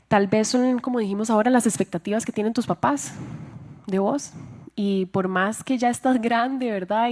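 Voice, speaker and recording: A woman's voice: mid-range voice, darkish tone. A young woman with a Costa Rican accent giving a church talk to women, sharing a personal testimony and asking her listeners questions. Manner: confiding, asks the audience questions. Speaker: speaker at a women's church event.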